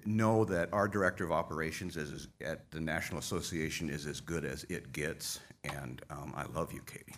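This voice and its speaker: A man with an extremely low, deep voice speaks from a conference stage microphone. He thanks his team in a heartfelt, folksy way, wry and openly emotional. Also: fairly even intonation, brisk, hardly any pauses, background noise. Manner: folksy, self-deprecating humor. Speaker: association leader addressing members. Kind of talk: conference speech thanking staff.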